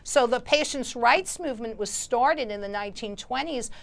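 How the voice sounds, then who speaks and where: A woman's voice: fairly high pitch, normal speed, creaky. A woman hosting a call-in talk show, speaking emphatically and insistently and repeating her points.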